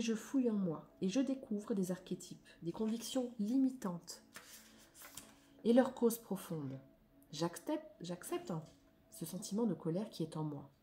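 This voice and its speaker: A woman reads oracle cards aloud in a soft, reflective way, adding her own comments and often trailing off. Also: fairly low pitch. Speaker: spiritual card reader.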